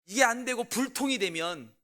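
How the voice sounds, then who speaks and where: A man in his forties, a pastor telling a family story in a sermon and asking the congregation questions, with loud bursts and quiet asides. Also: very high voice, moderate pace. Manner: animated, swings between loud outbursts and quiet asides.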